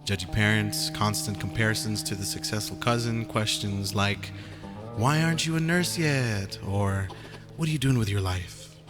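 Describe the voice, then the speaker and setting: Young male apocalypse survivor, acted by a man: lowish voice, weary, wry, confiding journal delivery, clear music underneath. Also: moderate pace, lightly acted. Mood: wry, reflective. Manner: hesitant, confiding, informal. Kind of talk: first-person audio journal drama.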